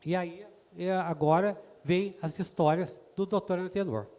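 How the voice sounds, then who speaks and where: Homem mineiro de voz aguda, contador de causos. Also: male voice, sits high, steady tone, unhurried, darkish tone, in a large hall. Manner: chatty, folksy, with many asides to the audience. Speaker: guest. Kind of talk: storytelling in an interview.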